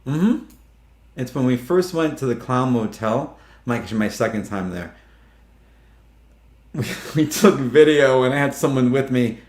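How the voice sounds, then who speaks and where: A man telling stories in casual chat, animated, acting out what others said and laughing often. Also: medium pitch, unhurried, pauses often, echoey room. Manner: animated, acts out quoted voices, laughs often. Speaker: actor guest.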